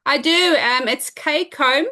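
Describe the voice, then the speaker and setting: A woman's voice: high voice, takes it slowly, sharp tone. A woman with a South African accent, talking as a host in casual conversation. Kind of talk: casual chat.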